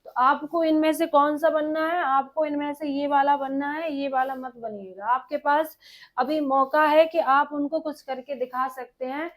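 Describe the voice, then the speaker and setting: A woman with a high, fairly even voice teaches an exam-prep grammar lesson. She dictates slowly, repeating phrases so students can write them down, and answers her own questions.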